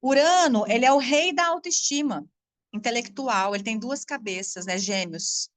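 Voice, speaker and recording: An astrology-teaching spiritual coach from Brazil addresses her audience informally, her higher voice moving at a moderate pace without echo. She's animated and outspoken, cursing freely and laughing a lot, with a Brazilian Portuguese accent.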